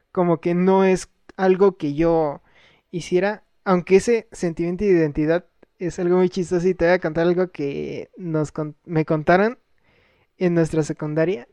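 Mellow Mexican man, slangy storytelling. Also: high-pitched, steady tone, moderate pace, smooth, no echo. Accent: Mexican Spanish. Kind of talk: casual chat.

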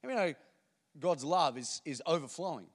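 A pastor preaches in a high, light voice that carries a long echo through a large church hall. He swings between loud, animated bursts and quiet, earnest stretches. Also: moderate pace. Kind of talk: sermon.

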